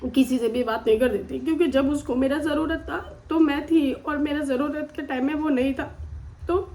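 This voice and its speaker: Young woman, from India, tearful, personal storytelling, high voice, mellow tone. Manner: tearful, mixes English phrases into her talk. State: close to tears.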